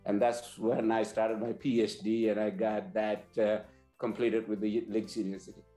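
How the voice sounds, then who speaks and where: A man's voice: fairly low pitch, flat delivery, moderate pace, dark tone, echoey room, faint music behind. A man in his forties from Sri Lanka, an earnest business leader interviewed over a video call, often repeating words as he restarts. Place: indoor office, plain wall. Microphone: video call webcam.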